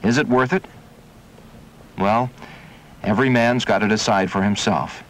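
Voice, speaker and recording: A man's voice: fairly low pitch, fairly even intonation, measured pace, natural voice. A man playing a resentful, sardonic young American officer candidate in conversational film voice-over. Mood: reflective. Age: young adult. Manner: conversational, wry. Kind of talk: inner-monologue voice-over in a training film.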